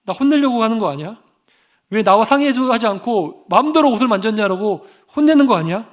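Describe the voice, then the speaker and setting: A man's voice: high voice, animated, fairly quick. A man voicing a fearful ailing woman muttering her worries to herself. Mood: worried.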